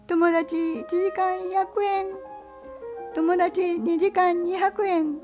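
A woman's voice: very high-pitched, steady tone, drawn-out words, a little mellow, soft background music, pitched above the performer's own voice, exaggerated voice. A woman voicing a male fox who peddles friendship, calling out in a sing-song vendor's chant in a picture-book reading. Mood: hawking. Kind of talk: picture-book read-aloud.

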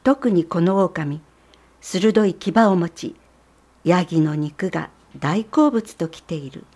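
A woman narrating a children's storybook in a calm, measured way. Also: on the low side.

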